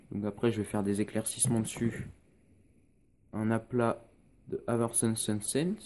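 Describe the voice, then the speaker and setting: Man, mellow-toned hobby painting tutor, halting and full of fillers, phone recording with faint hiss. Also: lowish voice. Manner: hesitant, many fillers, explains step by step.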